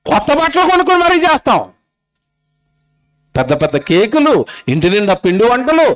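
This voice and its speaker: A man's voice: extremely high pitch, huge pitch swings, a little fast, a bit bright. A male preacher with a Telugu accent delivers a sermon, scolding his audience with rhetorical questions. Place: convention stage.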